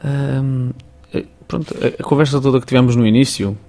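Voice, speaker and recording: A young man with a European Portuguese accent, a musician guest chatting casually in a radio interview, animated and full of verbal tics. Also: mid-range voice, a little fast. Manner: chatty, animated, repeats "estás a perceber".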